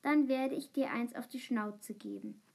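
A woman's voice: on the high side, wildly swooping pitch, unhurried, darkish tone, heavily acted. A woman reading aloud, voicing a hot-tempered schoolboy who is secretly in love. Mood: angry. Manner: gruff, then secretive.

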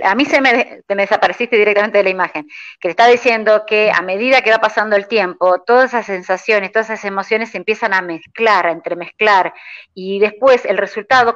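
A woman's voice: mid-range voice, fairly bright tone. A woman host with a Rioplatense Spanish accent, speaking over a video call and addressing her listeners as she prompts her guest. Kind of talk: casual interview chat. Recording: dull lo-fi call audio.

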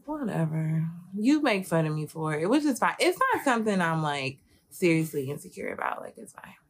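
A woman's voice: low voice, sing-song, moderate pace. A young adult woman with a slight lisp, chatting casually with frequent fillers as a co-host. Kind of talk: casual couple chat.

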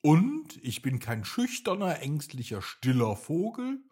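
A man's voice: a little high, wildly swooping pitch, unhurried, warm tone, slightly rough, pitched above the performer's own voice, full character voice. Viktor, a man doing a small earnest bird. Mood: determined. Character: small young male bird, shy but determined.

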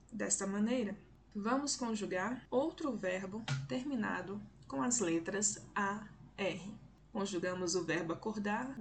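Slow, careful woman language teacher. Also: mid-range voice, creaky. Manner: careful, deliberate, repeats words and models pronunciation. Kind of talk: slow, clearly enunciated lesson for learners.

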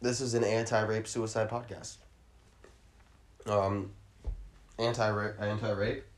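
A man hosting a comedy podcast, rambling crudely through a stream of ums and restarts and breaking into shrill squealed sound effects. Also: level tone, unhurried, noisy background. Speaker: podcast host.

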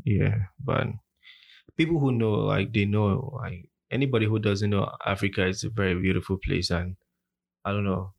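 A man's voice: on the low side, fairly even intonation, normal speed, vocal fry. A man from Nigeria talking frankly and emphatically in a casual podcast chat, laughing often. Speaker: podcast co-host.

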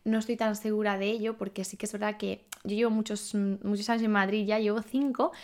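A young woman in her twenties, from Spain, talking through her thoughts in a loose, unscripted podcast chat. She circles back on herself, drops in fillers and asks herself questions as she goes, at an everyday middle pitch. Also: little pitch movement, brisk. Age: 20s. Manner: chatty, thinking aloud with many fillers and self-questions. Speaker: podcast host. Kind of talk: casual monologue.

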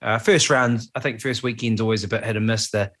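Lower-voiced New Zealand man, Maori-influenced accent. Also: fairly quick, a bit bright. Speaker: podcast panellist. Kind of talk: casual sports commentary chat.

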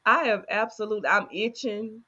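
A woman co-host in casual conversation, candidly telling a personal story with animated asides. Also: mid-range voice, measured pace, lo-fi sound. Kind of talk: casual chat.

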